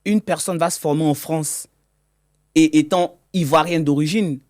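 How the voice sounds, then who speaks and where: A man's voice: fairly high pitch, steady tone, moderate pace, a little mellow. A man, a guest in an interview, explaining his work as an economic intelligence consultant. He often stumbles and repeats words mid-sentence.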